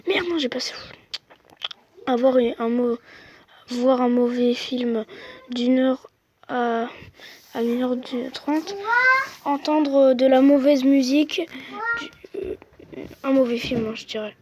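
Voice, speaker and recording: Young gamer, high voice, chatty and slangy, phone mic, casual commentary. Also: fairly even intonation, slow pace, long pauses, a little mellow, muffled recording, slight background noise. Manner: chatty, slangy, talks to viewers. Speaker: gamer playing a quiz app. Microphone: phone microphone.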